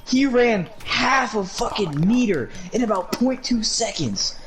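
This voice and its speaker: A man's voice: high-pitched, expressive, unhurried, fairly bright tone. A young man telling a funny story in casual chat, profane and laughing often. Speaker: podcast co-host, storyteller. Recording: noisy recording.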